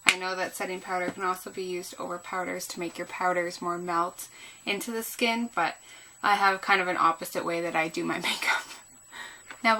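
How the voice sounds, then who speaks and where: A Canadian beauty vlogger chats her way through a makeup tutorial in a medium-pitched voice, with background noise in the recording. She sounds a little groggy and tired, and her talk is chatty and rambling.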